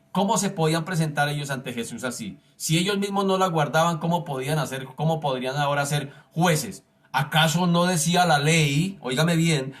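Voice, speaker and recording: A man preaching a sermon, reading scripture aloud and speaking emphatically and directly to his listeners. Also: on the high side.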